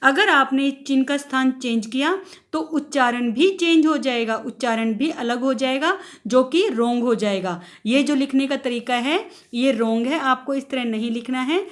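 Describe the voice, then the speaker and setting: High-voiced woman teaching a class. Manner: slow, drawn-out demonstration of words for children to repeat. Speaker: primary school teacher. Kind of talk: classroom grammar lesson.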